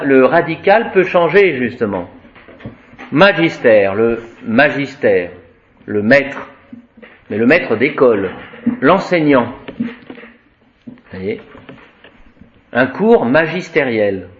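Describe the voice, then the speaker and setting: A man's voice: fairly high pitch, muffled recording. A male teacher giving a Latin grammar lesson, reciting word endings and explaining them to a class. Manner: slow, lively, drawn-out recitation of word forms.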